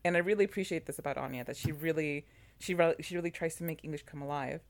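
A woman in casual podcast chat, animated and full of fillers and restarts. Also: low voice, fast talker. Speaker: podcast co-host. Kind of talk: casual chat about a TV show.

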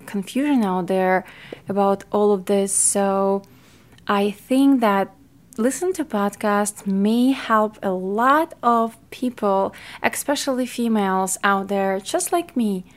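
A woman with a Ukrainian accent talks through her own podcast in a casual, earnest way. English is not her first language, so her phrasing has small slips and restarts. Her voice sits at an ordinary middle pitch. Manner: chatty, earnest, with non-native grammar slips and restarts. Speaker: podcast host, fitness coach. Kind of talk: casual solo podcast talk.

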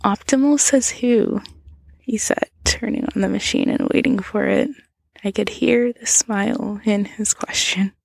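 A woman narrating a whispered role-play, speaking softly and intimately to the listener on a close mic. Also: mid-range voice, fairly even intonation, a little slow, creaky, slightly rough, no room sound.

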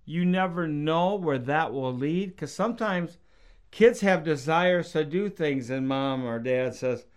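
Faith and storytelling fill the casual talk of this middle-aged preacher guesting on a podcast, who acts out quotes with a raised voice. He sounds high-ish, expressive and unhurried, with a clean tone.

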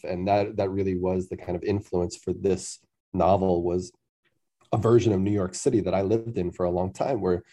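Low, mellow-voiced man, thoughtful guest. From Massachusetts, USA. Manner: thoughtful, reflective, laughs easily. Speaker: author guest. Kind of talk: phone interview. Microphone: phone line.

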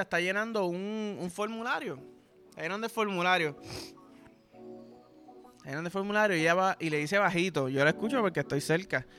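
Puerto rican guy ranting and cussing on his podcast, high bright voice, faint music under it. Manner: profane, ranting, acts out quoted people. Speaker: podcast host. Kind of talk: solo comedic rant.

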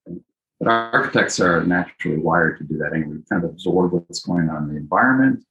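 Deep-voiced man, thoughtful interview guest. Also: creaky, low-quality recording. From born in Greece, raised in Japan and Italy. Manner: thoughtful, unhurried, with frequent ums. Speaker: architect and company founder, guest. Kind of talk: casual interview.

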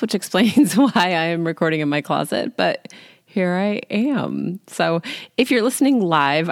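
A woman's voice: lowish voice, no echo, clean studio sound. A woman in her late forties hosting a solo podcast, chatting casually and informally into a handheld microphone in a small closet. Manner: chatty, informal, self-deprecating. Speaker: podcast host and life coach. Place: small closet at home, sitting on the floor. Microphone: handheld microphone without pop filter.

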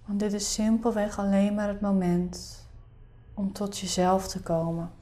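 A woman leading a guided meditation in a soft, breathy, soothing half-whisper. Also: mid-range voice, little pitch movement, measured pace.

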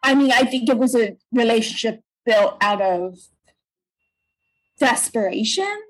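Speaking at a measured pace, this young Pennsylvania woman has a husky, fairly high, childlike and youthful voice, captured on a rough recording. She works in voice and stage acting and is being interviewed, talking casually and thoughtfully with frequent hesitations.

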